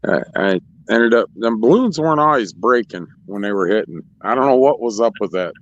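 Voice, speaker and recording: A man's voice: on the low side, expressive, fairly quick, no room sound. A man co-hosting a racetrack show in casual chat, rambling through restarts and laughing often. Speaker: racetrack co-host. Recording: dull lo-fi sound.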